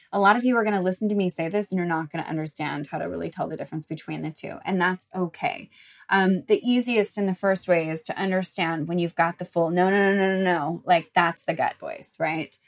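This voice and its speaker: A young adult woman hosting a recovery talk, speaking casually with lots of "like" fillers and blunt swearing. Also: on the low side. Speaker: recovery podcast host. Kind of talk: casual monologue advice.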